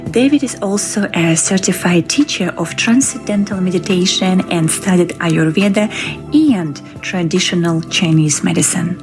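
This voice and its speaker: Soft-spoken woman podcast host. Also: on the low side, normal speed, over music. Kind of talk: calm scripted intro, then interview.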